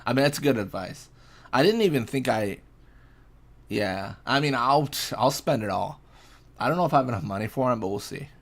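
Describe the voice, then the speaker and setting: Laid-back young man with gravelly voice. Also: medium pitch, lively intonation, moderate pace. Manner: laid-back, rambling, reacts to game with mild exasperation; answers chat questions casually. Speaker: streamer. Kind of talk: casual live-stream chat while gaming.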